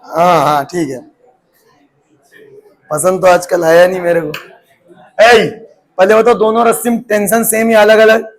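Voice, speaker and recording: A man's voice: sits high, steady tone, a little slow, pauses often. A man. He teases and banters with his students between explanations, in a classroom. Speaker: physics teacher. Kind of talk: joking classroom lecture.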